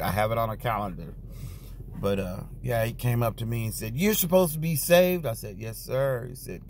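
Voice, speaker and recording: A man's voice: mid-range voice, gravelly, a little hiss or hum. A man preaching, telling his own testimony in a conversational, storytelling way, growing fervent at times. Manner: conversational storytelling, many restarts and "you know"; grows loud and fervent when recounting prayer. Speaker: pastor. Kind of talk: sermon testimony.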